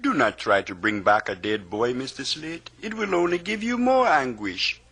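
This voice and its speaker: An actor playing a wise calypso singer, half-singing rhymes in a 1950s radio drama. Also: male voice, medium pitch, very animated, moderate pace, a bit bright, breathy edge. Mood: gentle. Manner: half-sung rhyming verse over music.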